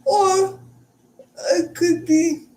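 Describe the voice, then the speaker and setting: A woman hosting her own live stream, talking unscripted in a hesitant, halting way, stuttering and pausing often as she searches for words. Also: very high voice, fairly even intonation, darkish tone.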